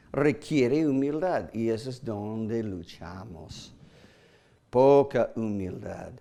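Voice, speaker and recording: A man preaching a sermon, emphatic, with sudden jumps in pitch and hesitant fillers, acting out short quoted apologies. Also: warm tone.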